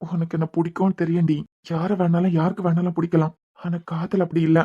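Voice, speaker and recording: A man voicing a lovesick, guilty young husband with a Kanyakumari accent, fast. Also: fairly high pitch, level tone, lightly acted. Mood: brooding. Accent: Kanyakumari Tamil. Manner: brooding inner monologue, fast. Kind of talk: cartoon web series voice acting. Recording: dull lo-fi recording.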